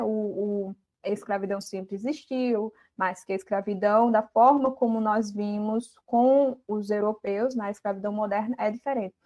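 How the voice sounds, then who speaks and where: A woman's voice: on the high side, darkish tone. Earnest woman explaining, muffled audio. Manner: earnest, explanatory, many fillers like "né". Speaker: podcast guest. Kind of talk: explaining in a live podcast chat.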